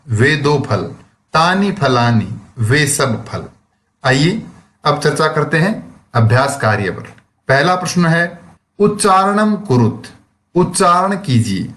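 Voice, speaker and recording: Male teacher, fairly high voice, slow and methodical lesson delivery. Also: fairly bright tone. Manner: slow, explains word by word with translations. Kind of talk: recorded classroom lesson.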